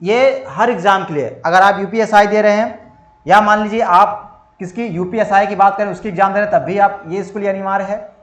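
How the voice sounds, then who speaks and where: A man's voice: high voice, fairly quick, a bit bright. A man teaching reasoning for competitive exams, asking questions and answering them himself, over and over for emphasis. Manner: drills by asking and answering his own questions; repetitive, emphatic. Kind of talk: exam-prep lecture. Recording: echoey room.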